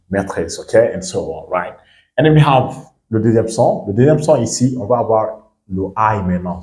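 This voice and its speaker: A man's voice: on the low side, dark tone. A man giving a language lesson as an English teacher, explaining step by step and checking in often with his learners. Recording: echoey room.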